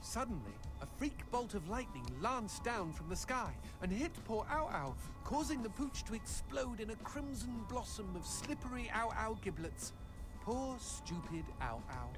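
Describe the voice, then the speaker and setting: An actor playing a flamboyant demon skull sidekick who relishes reading a dark storybook aloud, over video game music. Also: male voice, high-pitched, lively intonation, moderate pace, low-quality recording. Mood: gleeful. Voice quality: theatrical, relishing.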